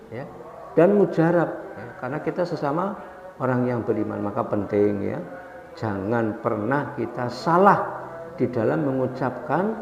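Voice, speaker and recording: A man preaching a sermon to a congregation, telling a story and leading his listeners in slow chanted recitation. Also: vocal fry, darkish tone. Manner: storytelling with rising pitch on stressed points. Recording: echoey hall, dull sound, faint background noise.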